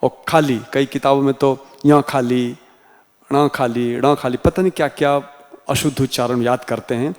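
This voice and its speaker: A man teaching a Hindi class in a slow, deliberate way with a Rajasthani accent, sounding out each letter one by one. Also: mid-range voice, steady tone. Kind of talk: classroom lecture. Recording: reverberant room sound.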